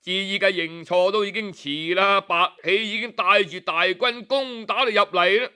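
In a clear, resonant, sharp voice at a moderate pace, a Cantonese-accented man narrates history in traditional storytelling fashion. Dramatic and sighing between phrases, he alters his pitch whenever he quotes a figure.

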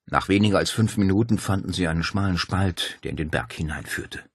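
A man narrating a novel as an audiobook, reading with lively storytelling. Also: low voice, fairly quick, husky, no room sound, clean studio sound.

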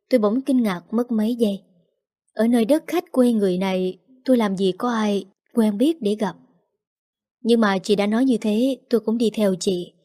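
A woman narrating a first-person story in an emotional, measured reading. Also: medium pitch, mellow. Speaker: audiobook narrator.

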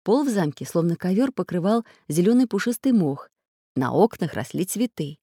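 A woman narrates a children's story with an animated, expressive delivery. Her voice sits somewhat low yet moves a lot in pitch. The recording is close and dry. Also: moderate pace, breathy edge, no echo. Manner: lively, expressive reading. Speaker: audiobook narrator.

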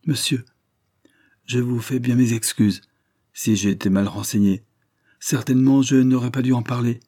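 A man's voice: mid-range voice, steady tone, moderate pace, warm tone, voice pushed up, natural voice. A man reading aloud voices a flustered, deferential butler in a Victorian audiobook, talking in an apologetic, eager manner.

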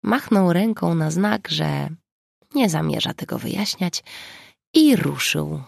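A woman narrating an audiobook in a measured, expressive reading. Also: on the low side, vocal fry, no room sound, clean studio sound. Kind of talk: scripted narration.

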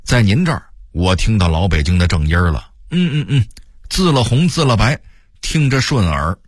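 A man voicing an excited elderly shop manager with a Beijing accent, speaking eagerly and emphatically. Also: low voice, a little fast, no echo, studio quality.

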